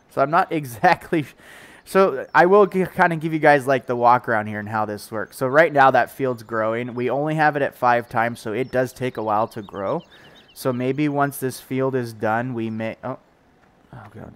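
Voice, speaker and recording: A man's voice: mid-range voice, moderate pace, low-quality recording. Stuffed-up man chatting on a game stream. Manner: rambling, with frequent fillers and restarts. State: stuffed up, morning voice. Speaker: streamer playing a farming game with friends. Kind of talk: casual live-stream chat.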